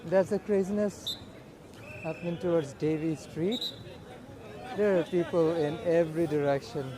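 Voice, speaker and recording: A man giving casual, unhurried walking commentary as a live vlogger, speaking in short observational phrases outdoors. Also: on the high side. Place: outdoors at a busy beach and streets. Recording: outdoor crowd and street bustle. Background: crowd.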